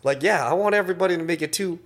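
Man in his early thirties, podcast guest; brash, profane, animated talker. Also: sits high, very fast. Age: 30s. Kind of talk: casual chat.

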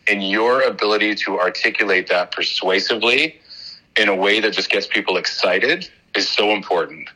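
Forceful, bright-voiced man guesting on podcast. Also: on the low side, moderate pace, slightly rough, rough recording. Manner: energetic and persuasive. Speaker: guest speaker. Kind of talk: conversational interview answers.

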